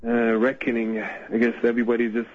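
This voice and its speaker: A man's voice: mid-range voice, completely flat delivery, fairly quick. A man calling in to a radio show over the phone, talking hesitantly with many restarts and fillers. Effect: heard over the phone. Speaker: radio call-in caller. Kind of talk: casual call-in chat. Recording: muffled phone line.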